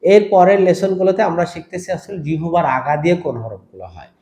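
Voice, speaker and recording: A man's voice: high-pitched, expressive, warm tone. Patient man teaching recitation, echoey room. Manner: patient, repeats sounds slowly and drawn out. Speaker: Quran teacher. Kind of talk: step-by-step recitation lesson.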